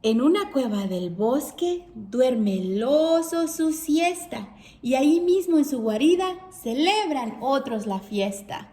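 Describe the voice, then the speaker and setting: A woman teacher reads a picture book aloud to children with an animated storytelling manner. Her voice is high and she takes her time, stopping to ask the children questions. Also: slow.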